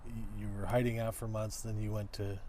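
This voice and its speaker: A man's voice: fairly low pitch, little pitch movement, brisk, warm tone, a little hiss or hum. A man hosting a talk show, introducing his guest with upbeat enthusiasm and some restarts. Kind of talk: friendly interview intro and questions.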